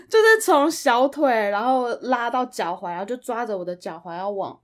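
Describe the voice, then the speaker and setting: A woman's voice: on the high side, expressive, normal speed. A woman, co-hosting a podcast, animatedly telling a story in casual chat and often laughing as she talks. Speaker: podcast co-host.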